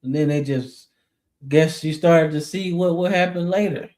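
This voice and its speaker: A man's voice: on the high side, normal speed, darkish tone, slight background noise. A man co-hosting a casual college football podcast, blunt and slangy, laughing along. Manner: slangy, blunt, laid-back. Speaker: podcast co-host. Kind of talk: casual sports chat.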